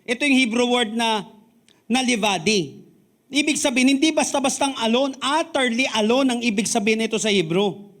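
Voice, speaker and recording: A man with a Filipino accent preaches from the pulpit in a high voice. He moves between Tagalog and English, building to loud, emphatic peaks and then dropping low and quiet to drive a point home. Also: normal speed. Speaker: pastor. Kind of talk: sermon.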